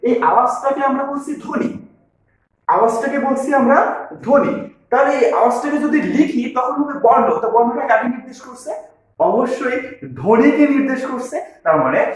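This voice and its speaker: A man teaching a grammar lesson to students, repeating key phrases slowly as he writes them out. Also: very high voice, animated. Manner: repeats key phrases while writing on board. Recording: very echoey room.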